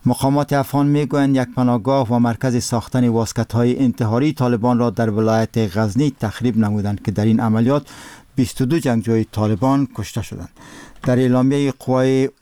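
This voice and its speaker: Solemn Afghan male newsreader, mellow voice. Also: mid-range voice, fairly even intonation, clear, resonant tone, no echo. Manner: solemn, formal newsreader delivery. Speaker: radio newsreader. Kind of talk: formal scripted news bulletin.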